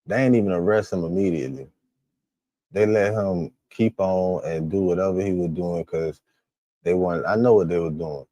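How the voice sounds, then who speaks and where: A man commentates live as he reacts on a stream, his voice low and mellow. He swears freely and bursts out in loud disbelief. The sound is close and dry, with no room around it. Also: normal speed, no room sound, muffled recording. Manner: profane, exclamatory outbursts.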